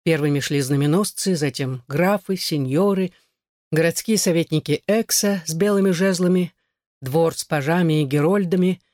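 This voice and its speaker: A man reading a literary novel aloud in the first person, measured and solemn. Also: fairly high pitch, darkish tone, no echo, studio quality. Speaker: audiobook reader.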